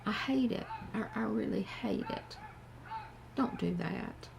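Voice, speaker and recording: An older woman with a Southern US accent gives frank, plain-spoken advice to her viewers, talking slowly and thoughtfully. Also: mid-range voice, creaky, background noise. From American South. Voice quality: slow and thoughtful. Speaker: vlogger. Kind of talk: casual advice talk to camera.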